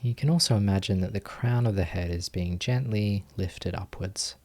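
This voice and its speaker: A low-pitched man serves as teacher for a guided meditation. His speech is soft and gentle, built from short phrases and long pauses.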